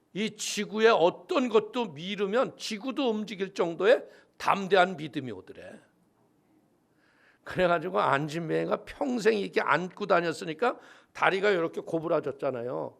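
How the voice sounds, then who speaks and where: A man's voice: high-pitched, expressive, unhurried, creaky. A male pastor preaching a sermon, telling a story with lots of animation and acting out the voices of the people in it.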